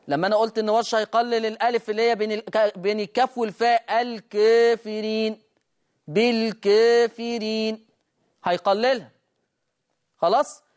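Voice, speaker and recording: A teacher with an Egyptian Arabic accent gives a classroom lesson on recitation rules. The teacher asks the class questions, answers them, and chants quoted verse lines slowly. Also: medium pitch.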